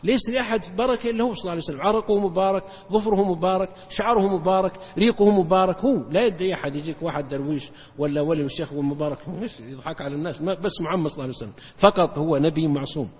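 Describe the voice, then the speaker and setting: Male preacher, emphatic rapid-fire lecturer, husky tone, dull hall recording. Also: a little high. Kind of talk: religious lecture storytelling.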